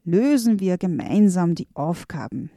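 An old male music wizard with a long grey beard, as a woman puts him on. He talks low, slow and thoughtful, recorded close and dry. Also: expressive, dark tone, no echo. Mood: resolute.

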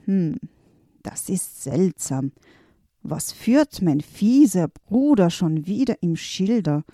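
A man's voice: high-pitched, big pitch swings, slow pace, mellow, dry recording, clean studio sound, heavily acted. A woman playing an old bearded music wizard. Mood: thoughtful.

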